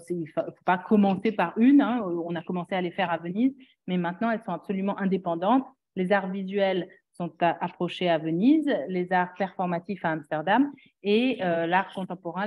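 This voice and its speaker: A woman gives an informal presentation of a teacher training programme, hesitating and rephrasing as she goes. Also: fairly low pitch. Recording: dull, band-limited sound.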